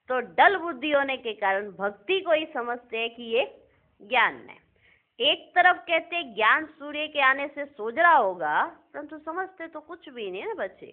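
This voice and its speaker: A woman giving a devotional sermon, asking her listeners rhetorical questions and repeating key phrases. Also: high voice. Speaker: spiritual discourse reader. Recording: narrow phone-like audio.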